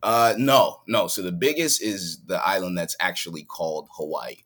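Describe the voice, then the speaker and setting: A laid-back rapper from San Diego, California, now living in Hawaii, joins a podcast over a remote call from home. His deep voice is a bit bright and moves at a moderate pace as he chats casually and laughs easily.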